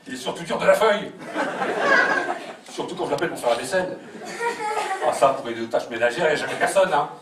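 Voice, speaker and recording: A man performs a comic stage monologue, playing a whiny grown son and switching into his quarrelling parents. His fairly high voice comes from a distant mic in a roomy, echoing theater, with loud audience noise all around. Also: lively intonation, quick pace, long pauses, over a noisy crowd. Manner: plays a fifty-two-year-old overgrown son, mock-whiny, acts out both parents. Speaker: stand-up comedian. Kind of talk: live comic monologue in character.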